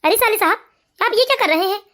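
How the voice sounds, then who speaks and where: A woman voicing a polite, reasonable young brother-in-law in an animated family story, reproaching calmly and courteously. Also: very high voice, fast, full character voice.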